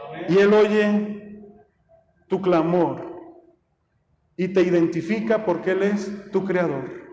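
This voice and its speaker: A man preaching a fervent sermon as pastor, with a Mexican Spanish accent, his voice rising to shouts. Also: high-pitched, slight background noise. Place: church hall. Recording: echoey hall with long reverb.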